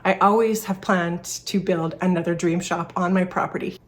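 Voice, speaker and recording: A Canadian woman in her 30s who owns a furniture repair business talks to the camera in a personal vlog, a little out of breath. Her lowish voice has fairly even intonation and normal speed, and she's candid and rambling, with many restarts and fillers.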